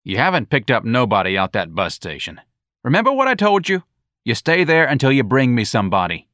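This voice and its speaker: A man voicing an irritable, bullying police sergeant who shouts at a subordinate, in a read-aloud story. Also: lowish voice, expressive, moderate pace, no echo, studio quality. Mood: gruff. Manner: gruff, shouting.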